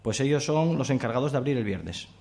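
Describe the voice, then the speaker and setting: A man's voice: mid-range voice, expressive, brisk, vocal fry, a little mellow. A man, a guest on a radio show, chatting enthusiastically about the festival he helps organize, with many restarts. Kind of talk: radio interview chat. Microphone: studio radio mic.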